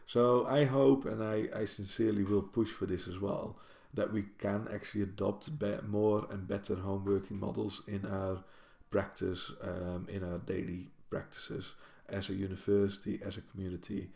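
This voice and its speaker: A Dutch university librarian from the Netherlands, whose first language is Dutch, rambles to camera in a casual talking-head vlog from his home kitchen, correcting himself and restarting often. His low, gravelly, warm voice moves little in pitch, at a moderate pace with few pauses. A built-in camera mic at desk distance picks up roomy kitchen echo.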